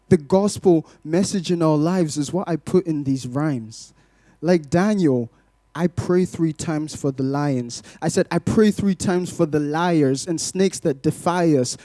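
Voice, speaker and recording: Born in Malawi and from Glasgow, Scotland, a man in his twenties gives his testimony to a congregation as a church guest speaker and poet, at points shifting into rhythmic spoken-word poetry. His slightly high voice is relaxed and warm, and he phrases things in a measured, rhythmic way. The recording is dry and studio quality, with very little room sound.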